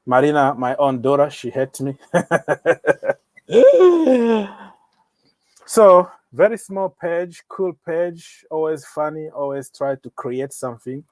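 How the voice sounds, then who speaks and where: Slow, joking man hosting a football stream. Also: on the high side, big pitch swings, darkish tone, dry recording. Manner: loose, joking, talks straight to viewers. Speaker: livestream host of a football channel. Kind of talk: casual livestream chat.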